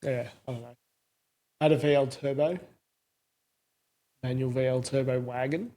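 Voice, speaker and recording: Male, broad Australian accent, medium pitch, casual conversation, colloquial, self-deprecating. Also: fairly even intonation, normal speed, dark tone. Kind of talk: casual car chat.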